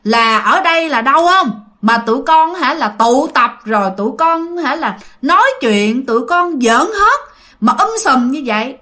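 Old male spirit voiced by a woman, kind, lecturing, high bright voice. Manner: lecturing, patient. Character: kindly old male spirit, gently scolding.

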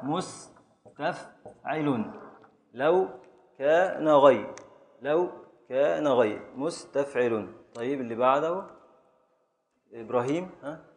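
A man with an Egyptian Arabic accent, teaching a class as a sheikh, slowly chanting syllables of poetic meter and calling on students by name to answer. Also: medium pitch. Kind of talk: classroom lesson, quizzing students.

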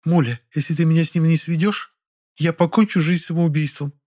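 A man voicing a pushy, dramatic young woman who pleads in a high whiny voice, in an audiobook. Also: steady tone, fairly quick, a little mellow, lightly acted. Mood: pleading.

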